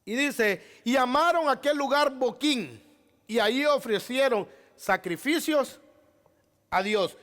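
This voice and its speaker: A man's voice: very high voice, animated, slow, a bit bright. A male pastor preaching a sermon, asking rhetorical questions and addressing the congregation as beloved brother.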